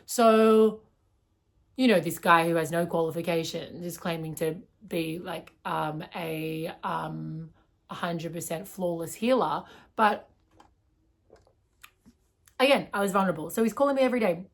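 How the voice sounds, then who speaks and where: A woman's voice: on the low side, a little slow, long pauses. A young woman in her twenties with an Australian accent, telling a personal story in a casual, rambling way, full of "like" and "um". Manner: rambling, heavy use of "like" and "um".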